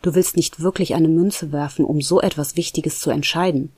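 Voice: mid-range voice, steady tone, normal speed, a little mellow, husky, no room sound, close to an everyday voice. Hesitant young guy full of doubts, storyteller doing him, dry sound. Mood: doubtful. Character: unsure young man facing a job choice.

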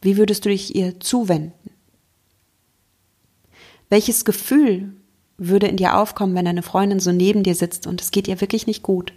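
A woman hosting a self-help podcast as a mindfulness coach, gently encouraging the listener and slowing down to stress key words, with playful mock outbursts. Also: mid-range voice, steady tone, breathy edge. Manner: gentle and encouraging, speaks straight to the listener, slows for emphasis.

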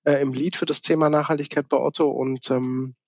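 A man's voice: fairly high pitch, level tone, brisk, dry recording. A man from southern Baden, a podcast guest explaining his work in a conversational way. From southern Baden, Germany. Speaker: podcast guest, sustainability manager.

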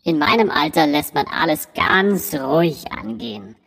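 A woman in a disguised deep voice, voicing an aging, boastful dinosaur who speaks the riddling clues of a quiz. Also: measured pace, vocal fry, fairly bright tone, exaggerated voice. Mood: wry. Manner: riddling, rhyming clue delivery. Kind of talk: scripted quiz clue recording. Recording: recording with long hall reverb.

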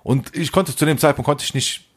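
A man's voice: on the high side, brisk. A man in his forties, co-hosting a casual podcast chat, telling an anecdote in street slang and acting out the voices of the people in it. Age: 40s. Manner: street slang, animated anecdote with acted quotes. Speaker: podcast co-host.

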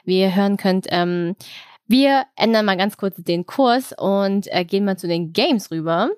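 A woman's voice: mid-range voice, measured pace, a little mellow, clear, resonant tone, no echo, clean studio sound. A woman born in Germany hosting a casual chat, talking with many fillers and restarts. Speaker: podcast host.

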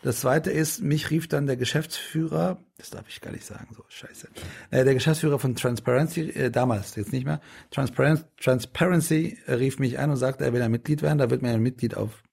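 Man, gravelly, dark tone, husky, rambling with restarts, middle-aged interview guest. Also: medium pitch, a little fast, hardly any pauses. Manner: rambling, many restarts and fillers. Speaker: politician guest. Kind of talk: casual interview talk.

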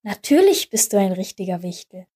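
A woman voicing a gentle, motherly Mrs. Claus in a storybook, speaking softly, earnestly and tenderly. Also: medium pitch, very animated, a little fast, slightly rough.

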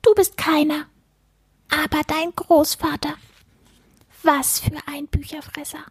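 A woman voicing an excitable, lisping little male creature that eats books, in a storybook reading. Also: slow, no echo. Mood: chatty. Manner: high, gushing, savoring words.

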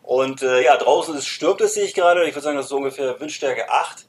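A man's voice: a little high, fast talker, husky. A man chatting casually as a podcast co-host, explaining things and addressing the listeners directly.

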